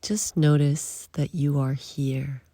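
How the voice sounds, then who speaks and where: With a deep voice and steady tone, a woman leads a guided meditation, speaking in short, soft, breathy phrases that often fade toward a whisper, with long pauses between them. There is no echo.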